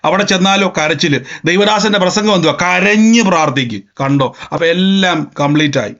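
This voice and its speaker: A man's voice: high-pitched, normal speed, fairly bright tone. A man preaching a sermon emphatically, repeating phrases and acting out scenes. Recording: dull lo-fi sound.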